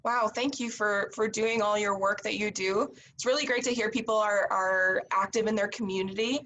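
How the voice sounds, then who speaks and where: A woman from Canada leads a panel discussion over a video call. She sounds upbeat and encouraging as she introduces each guest, and her voice sits at an average pitch. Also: fairly even intonation, moderate pace, fairly bright tone, slight background noise, low-quality recording. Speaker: moderator.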